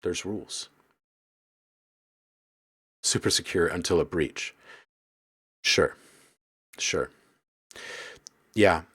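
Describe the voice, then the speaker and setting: A man's voice: deep voice, extremely slow, long pauses, a bit bright, slightly rough. A man hosting a casual live stream, reading viewers' comments aloud and musing on them, then muttering to himself while he edits sounds.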